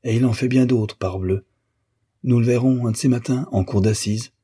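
A man's voice: medium pitch, fairly even intonation, moderate pace, dark tone, breathy edge, voice pushed up. A man voicing an angry, bitter adult male painter who hurls contemptuous outbursts. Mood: ranting.

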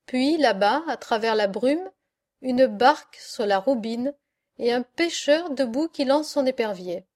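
A woman narrating a classic story in the first person with a measured, expressive reading. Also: on the high side.

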